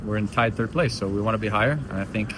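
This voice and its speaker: A man's voice: on the low side, fast. A young man from Belgium, a professional footballer, answering post-match interview questions thoughtfully with many restarts. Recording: noisy outdoor stadium interview.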